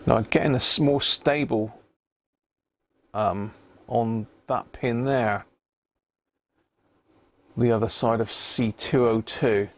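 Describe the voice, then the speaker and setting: A British man mutters and thinks aloud as he works, offering casual live commentary as a livestream host who repairs radios as a hobby. His voice sits at medium pitch, and he takes things slowly with frequent pauses.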